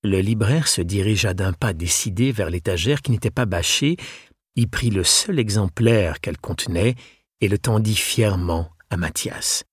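A man narrating an audiobook in a calm, even storytelling manner. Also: lowish voice, moderate pace, slightly rough, no room sound, studio quality.

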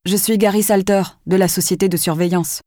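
A woman's voice: mid-range voice, fairly even intonation, brisk, dark tone, dry recording, clean studio sound, lightly acted. A woman voicing a nervous young man from a security company, speaking hesitantly.

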